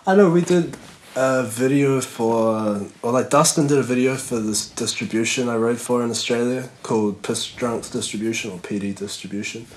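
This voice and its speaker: A relaxed man tells stories at an easy, meandering pace, leaning on fillers as he goes. His voice sits at an ordinary middle pitch. A faint hiss of background noise sits under the recording. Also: normal speed, poor audio. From New Zealand. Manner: rambling, laid-back, lots of "like" fillers. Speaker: guest skateboarder. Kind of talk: casual podcast chat.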